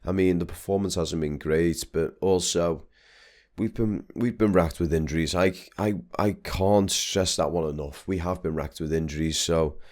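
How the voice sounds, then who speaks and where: A young man vlogs over drone footage, chatting casually and rambling with some restarts. His voice is deep and a little mellow, with a steady tone at normal speed.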